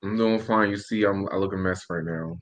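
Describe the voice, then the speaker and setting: A man's voice: low voice, steady tone, brisk. A man from upstate New York interviewing a guest in a casual, conversational style. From Albany, New York, also Brooklyn and Long Island.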